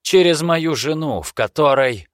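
A male narrator voices a cornered young noble, pushing his voice up high and hard in tense, emphatic bursts, well above the narrator's own deep voice. The delivery is expressive and desperate at a measured pace, and the sound is close and dry.

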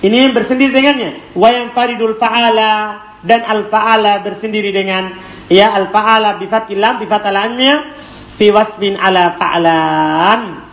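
A man's voice: high-pitched, fairly even intonation, unhurried, a bit bright. A man teaching a classroom lesson, reading a text aloud, translating it and quizzing his students with questions. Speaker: teacher of Arabic morphology. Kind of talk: classroom lesson with call-and-response. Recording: echoey room, faint background noise.

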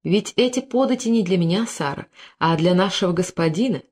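A reader voicing a scheming, flattering Phoenician moneylender in an audiobook, oily and wheedling in manner. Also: medium pitch, a little fast, natural voice. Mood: fawning. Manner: oily flattery turning to angry cursing. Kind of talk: audiobook character reading.

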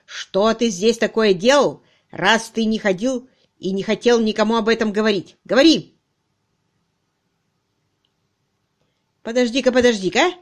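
A woman reading an audiobook, voicing an angry male police inspector who shouts and scolds his subordinate. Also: on the high side, a little fast, close to an everyday voice. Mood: interrogating.

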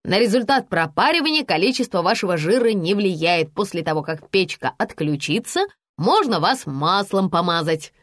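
A woman's voice: lowish voice, expressive, normal speed, no room sound, clean studio sound. A woman voicing a shaggy she-bear doctor who speaks in a soothing, sighing manner in an audiobook.

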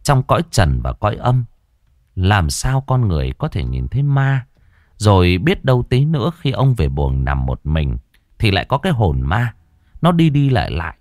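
A man telling a ghost story in a lively, dramatic way. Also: fairly low pitch, normal speed, dry recording, clean studio sound.

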